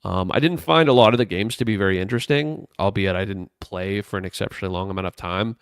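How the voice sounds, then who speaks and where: Smooth-voiced man chatting about games. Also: lowish voice, fast, dry recording, studio quality. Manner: relaxed, rambling, many fillers. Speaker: podcast co-host. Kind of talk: casual gaming podcast chat.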